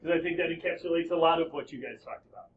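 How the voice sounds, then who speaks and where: A male high school history teacher lecturing his class in a lively, joking way and quizzing students. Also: racing, dull audio, slight background noise.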